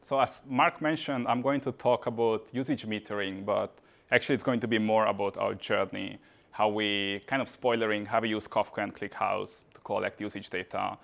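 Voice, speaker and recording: A man's voice: fairly low pitch, fairly even intonation, normal speed, gravelly. A man from Hungary, giving a casual tech meetup talk with frequent "uh" and "kind of" fillers. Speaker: conference speaker. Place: meetup venue.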